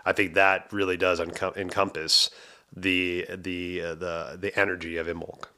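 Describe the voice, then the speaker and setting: A man's voice: sits low, level tone, moderate pace, bright, forceful tone, clean tone. A man hosting a podcast, chatting casually and enthusiastically, swearing a bit. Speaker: podcast host.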